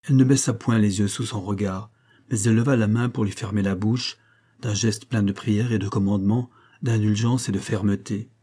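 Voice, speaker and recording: Male audiobook narrator, scripted literary narration, measured, husky, dark tone. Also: on the low side, steady tone.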